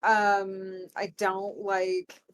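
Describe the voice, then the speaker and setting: A woman co-hosts a casual recap podcast at an unhurried pace. She answers in short agreements and then lays out her views in a measured, wry way, at a middle pitch. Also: completely flat delivery. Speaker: podcast co-host. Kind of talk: casual chat, reacting to a TV recap.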